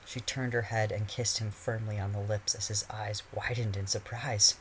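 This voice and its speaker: A man narrating a fan fiction chapter in a steady storytelling voice. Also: on the low side, normal speed, slight background noise, low-quality recording. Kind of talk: reading fan fiction aloud.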